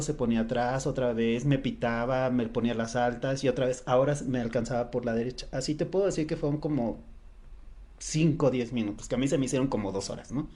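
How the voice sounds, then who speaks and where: A man with a Mexican accent, co-hosting a psychology podcast and telling a personal story in a lively, vivid way. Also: medium pitch. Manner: vivid storyteller, animated retelling of personal anecdote. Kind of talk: casual conversational podcast.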